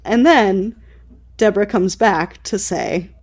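A woman with a mid-range, slightly mellow voice speaks slowly as she hosts a podcast. Her book chat is casual and conversational, informal and peppered with asides.

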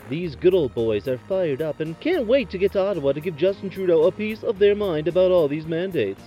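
A man doing a deadpan comedy bit as a trucker talking over a CB radio, full of radio lingo. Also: high-pitched, brisk, faint music behind, poor audio.

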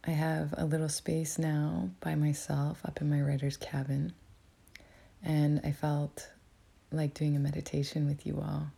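A woman with a cold and a nasal voice, softly half-whispering as she guides a meditation in a small cabin. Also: sits low, vocal fry, husky. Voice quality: soft, half-whispered delivery. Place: writer's cabin with a crackling fire.

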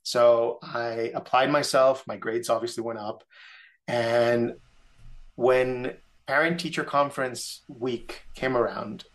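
A man from Mexico telling a story from his youth in casual conversation, with lively pitch jumps on key words and frequent restarts. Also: takes it slowly. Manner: animated, rising pitch on emphasis, self-correcting restarts.

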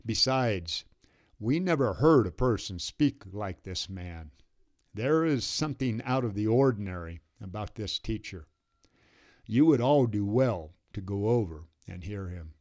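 A man's voice: lowish voice, animated, a little slow, a little mellow. A man reading the lines of an earnest male guard who pleads for fairness.

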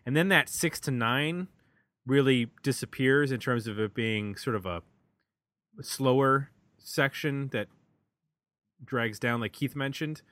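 Speaking at a measured pace, this man hosts a podcast, chatting informally and conversationally about albums, addressing listeners, and signing off the show. His mid-range voice is a bit bright, and the recording is dry.

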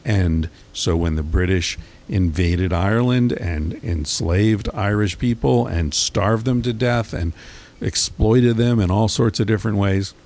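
A man's voice: on the low side, measured pace, a little mellow. A man talking in a rambling, casual monologue, swearing freely and full of fillers and restarts.

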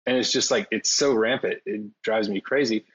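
A man's voice: lowish voice, fairly even intonation, normal speed, breathy edge, lo-fi sound. A man chatting as a podcast guest in a hesitant, self-deprecating way, full of fillers. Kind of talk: casual interview conversation.

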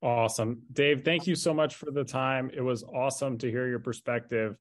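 A man's voice: medium pitch, fairly even intonation, moderate pace, dry recording. A man hosting a podcast interview, thoughtful and asking long open questions. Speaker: podcast host.

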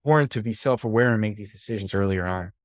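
Man, low voice, casual interview guest, lively storytelling, dry recording. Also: fast, no echo. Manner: animated storyteller, swears casually. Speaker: podcast guest, sales leader and coach.

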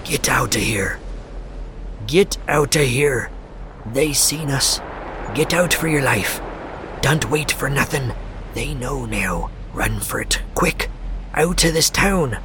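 A man's voice: medium pitch, lively intonation, slow, bright, forceful tone, slight background noise. A man voicing a crazed, terrified old harbor drunk in a storybook reading, ranting in a rustic old dialect. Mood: panicked. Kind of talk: audiobook character voice.

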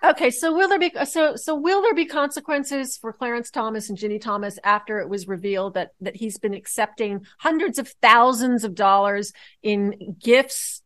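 A woman co-hosting a casual podcast, talking astrology and politics in an excitable, rambling way with many restarts. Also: a little high, moderate pace, hardly any pauses, no room sound.

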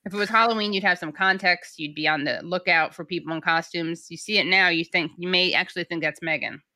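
A woman's voice: on the low side, fast talker, sharp tone, no room sound. A woman co-hosting a podcast, chatting casually and reading news items aloud with wry, dry humor. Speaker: podcast co-host.

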